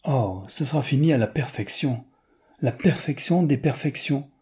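A man's voice: medium pitch, lively intonation, normal speed, warm tone, breathy edge. A man reading aloud, voicing a sly, coquettish young woman copyist who bargains teasingly.

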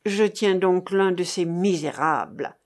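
A woman's voice: on the low side, a little slow, close to an everyday voice. A woman voicing a grim, fierce male sailor in an audiobook, with a raised, urgent delivery. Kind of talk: audiobook dialogue reading.

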